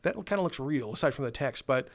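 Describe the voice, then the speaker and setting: A man's voice: medium pitch, lively intonation, quick pace. A young man telling rambling, sardonic stories in a casual way while playing a game, swearing and laughing between them. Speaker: gaming video creator.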